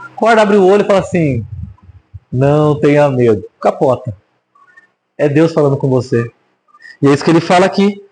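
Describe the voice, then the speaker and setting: A man's voice: a little high, brisk, pauses often, a little hiss or hum, rough recording. A man with a Brazilian Portuguese accent teaching the Bible in a casual preaching style, joking and putting rhetorical questions to his audience. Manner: lively, asks the audience rhetorical questions, jokes.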